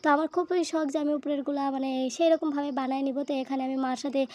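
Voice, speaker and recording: A woman's voice: high voice, fairly even intonation, quick pace, dark tone. A young woman vlogger, chatting casually and jokingly to her viewers. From Bangladesh. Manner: chatty, joking, colloquial rural Bengali speech. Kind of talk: casual village vlog narration.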